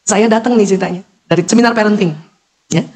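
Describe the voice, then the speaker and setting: A middle-aged woman doctor giving a lively parenting lecture, acting out calls and talking straight to the mothers listening. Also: medium pitch, fast talker. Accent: Indonesian. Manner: animated, acts out calls and quotes, talks directly to mothers in the audience.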